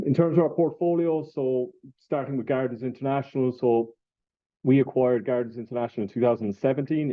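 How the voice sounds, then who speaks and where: A man's voice: mid-range voice, dry recording, dull audio. A man in his forties with an Irish accent giving a conference presentation, informal and full of fillers and restarts. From Ireland. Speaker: presenter at an industry event. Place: conference room.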